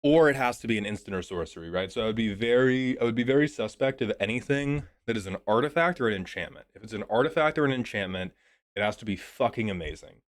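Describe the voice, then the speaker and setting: A man giving a casual, joking review of a card deck, a bit sick and clearing his throat, swearing as he thinks aloud. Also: lowish voice, expressive, quick pace. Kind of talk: casual commentary.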